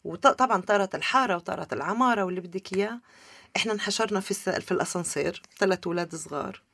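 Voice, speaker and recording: A woman with a Palestinian Levantine Arabic accent tells personal stories in an interview. She talks quickly, with a creaky edge to her voice. The sound is close and dry, with very little room. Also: medium pitch, a bit bright, dry recording. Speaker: interview guest. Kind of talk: personal storytelling in a conversational interview.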